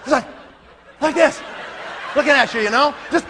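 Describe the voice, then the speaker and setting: High bright storytelling man. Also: normal speed. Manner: animated, laughing, acts out scenes. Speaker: speaker. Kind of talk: comic storytelling presentation. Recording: long hall reverb, faint room noise.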